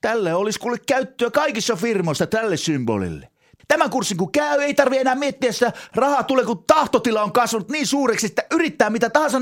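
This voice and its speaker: An actor playing an eccentric, pushy entrepreneur turned gardener, talking in a rambling sales pitch in a comedy sketch. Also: male voice.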